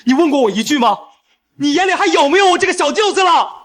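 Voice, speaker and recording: A cowardly young driver who brags big and then whines his way out of things, voiced by a man. His voice sits very high and has a pleading edge. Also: animated, normal speed, a bit bright. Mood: indignant. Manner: whiny, pleading, defensive. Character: cowardly boastful young brother-in-law driver.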